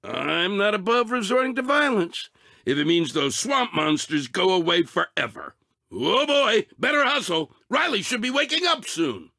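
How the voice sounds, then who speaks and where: A man voicing Anger, a short-fused, sarcastic cartoon emotion in a video game, with a raspy, blustering, exasperated delivery. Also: sits high, sing-song, normal speed, pushed and bright, no echo, clean studio sound, heavily acted. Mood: scheming, grumpy. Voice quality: raspy, gravelly, tense. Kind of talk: animated video game character acting.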